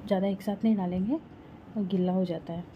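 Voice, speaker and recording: A woman from Rajasthan, India, a home cooking vlogger, walks a viewer through a home recipe step by step in her kitchen, homely and casual. Her mid-range voice is steady and fast, recorded on a phone held close, with dull audio and slight background noise.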